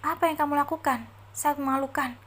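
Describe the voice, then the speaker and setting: A woman's voice: high voice, steady tone, quick pace, a bit bright, voice pushed up. A woman voicing an accusing, scolding older mother-in-law.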